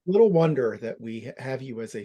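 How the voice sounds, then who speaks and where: A man moderates a panel discussion, asking guests about their background. He gently prompts each speaker with friendly questions, often restarting his sentences. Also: mid-range voice, animated, a little fast.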